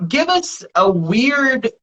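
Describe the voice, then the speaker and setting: A man's voice: very high-pitched, big pitch swings, takes it slowly, sharp tone, rough recording. A man hosting a casual interview, easygoing and swearing lightly while he plugs the show. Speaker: podcast host.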